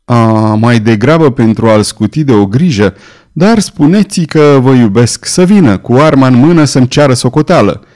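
Male reader as a hoarse, proud young rival; bitter threats, dark and low. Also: expressive, lightly acted. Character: jealous young man, violent and proud.

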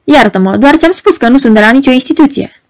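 A woman's voice: high-pitched, lively intonation. A woman reading an audiobook, voicing a cold, mocking red-haired male stranger in a dry, curt, scornful manner. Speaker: audiobook reader. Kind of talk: audiobook narration.

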